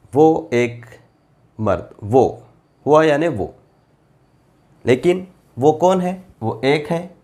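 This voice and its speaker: This male teacher's voice is mid-range and mellow as he conducts a Quran translation class. Slowly and deliberately, he reads Arabic phrases, explains their meanings in Urdu with patience, and repeats forms for drilling in a grammar lesson.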